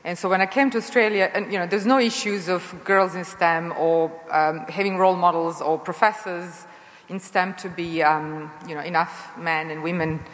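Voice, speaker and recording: A woman's voice: fairly low pitch, steady tone, moderate pace. Woman from Serbia, panel moderator, earnest, searches for words, hall reverb. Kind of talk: panel discussion. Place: conference hall.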